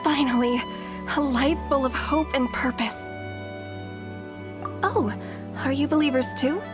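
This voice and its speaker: High-voiced, devout, lovelorn young woman. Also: measured pace, music in the background. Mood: hopeful, wistful. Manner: earnest, emotive, confiding. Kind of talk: video game character acting.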